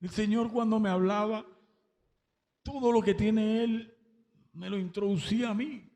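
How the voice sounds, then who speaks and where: A man's voice: high voice, fairly even intonation, measured pace, darkish tone, long reverb tail. A man giving an emotional religious testimony at a church service, breaking into exclamations of praise.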